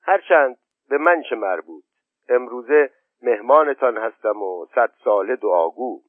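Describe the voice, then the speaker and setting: A man's voice: medium pitch, lively intonation, dry recording, natural voice. A man voicing a bossy, scolding older aunt. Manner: sharp, scolding. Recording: tinny narrow-band, dry.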